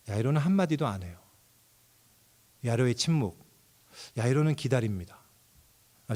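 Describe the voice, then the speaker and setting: A middle-aged man preaching a sermon as pastor, telling the story expressively and acting out characters' thoughts with sudden outbursts. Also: medium pitch.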